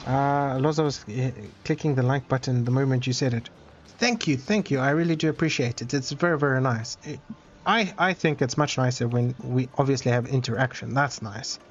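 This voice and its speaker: A man's voice: mid-range voice, moderate pace, dull audio, soft background music. A man streaming a game, chatting casually with viewers in a rambling, self-interrupting, playfully dramatic way. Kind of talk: casual live-stream chat while gaming.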